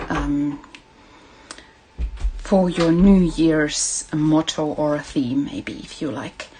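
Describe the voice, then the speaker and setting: Slow, low-voiced Finnish woman, hesitant. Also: slight background noise, rough recording. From Finland. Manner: gentle, hesitant, halting delivery with affectionate address to viewers. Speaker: craft livestream host. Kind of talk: casual live craft tutorial.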